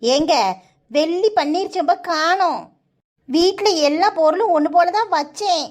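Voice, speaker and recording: A woman voicing a fussy village mother of the bride in a cartoon, with a Kanyakumari Tamil accent and a shrill manner. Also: measured pace.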